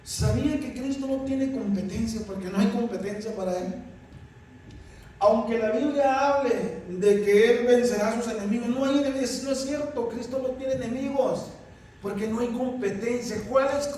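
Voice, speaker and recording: High-voiced man preaching in an echoey church. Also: moderate pace, mellow. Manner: emphatic, addresses the congregation as "iglesia". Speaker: pastor. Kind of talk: sermon. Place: church hall. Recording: echoey hall, distant mic, faint noise.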